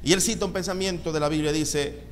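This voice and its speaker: A male pastor preaching a sermon with animated delivery and calls of amen, recorded in a church sanctuary. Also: a little high, fast talker, slight background noise. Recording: reverberant hall with faint ambience.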